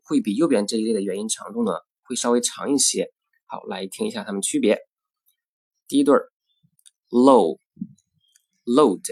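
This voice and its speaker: A man teaching English pronunciation in a recorded lesson. He works through the rules step by step, using filler particles, and models English example words in a measured way. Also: mid-range voice, a little mellow, slightly rough, dry recording.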